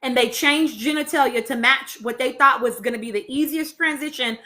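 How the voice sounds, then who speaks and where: Talking a little fast, this live-stream host has a bright, high voice and speaks with emphasis as she reads and answers audience comments. Her informal commentary is impassioned, stressing points through repeated phrases and urging listeners.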